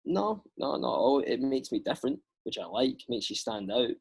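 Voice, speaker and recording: A young Scottish man, an actor guest, chatting casually on a podcast with lots of fillers and lively storytelling. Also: medium pitch, moderate pace, vocal fry, slightly rough.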